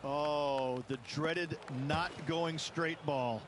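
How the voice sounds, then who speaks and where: A man's voice: on the high side, steady tone, drawn-out words, noisy background. A man playing a golf commentator in a video game, giving conversational analyst remarks over outdoor ambience. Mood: measured, analytical.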